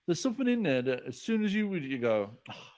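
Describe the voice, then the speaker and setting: A man's voice: on the high side, quick pace. A man in his forties, a guest author in a casual podcast chat, who tells stories by acting out what people said. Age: 40s. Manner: animated storyteller acting out quotes.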